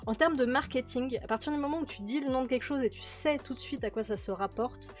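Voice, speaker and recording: A woman with a high, fast voice hosts a relaxed let's-play of a management game. Her chatter is loaded with fillers and repeated words, and light music plays in the background.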